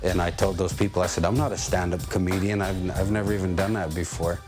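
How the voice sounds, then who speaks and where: A man from the United States with a low voice telling a story on stage, easygoing and folksy, stopping to restart a word here and there. Music plays clearly behind him the whole time. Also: fairly even intonation, fast. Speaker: musician and comedian.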